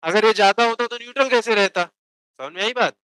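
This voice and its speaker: A man gives a physics lecture in a high, crisp, resonant voice. He quizzes the class and answers his own questions, and at times dictates notes word by word. The sound is dry and close. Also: fast talker, sharp tone, no room sound, low-quality recording. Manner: asks students questions and answers them himself. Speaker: physics teacher.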